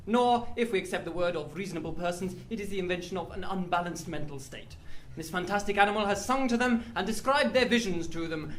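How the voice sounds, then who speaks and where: Casting: man doing a plummy 1930s wireless announcer, grave and pompous, high-pitched, live stage with faint hiss. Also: fairly bright tone. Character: posh 1930s male radio announcer, solemn. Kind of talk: 1930s radio acting. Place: comedy club stage.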